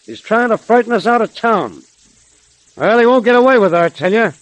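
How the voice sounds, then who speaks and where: An actor playing an edgy, suspicious gangster boss in a 1930s radio drama. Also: male voice, sits high, sing-song, brisk, no echo. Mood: defiant. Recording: vintage 1930s radio recording.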